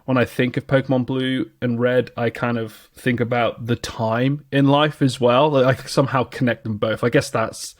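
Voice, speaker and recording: A British man co-hosting a podcast chats casually and enthusiastically about nostalgic memories, often restarting his sentences. His mid-range voice is level, at normal speed with hardly any pauses, recorded in clean studio quality with no echo.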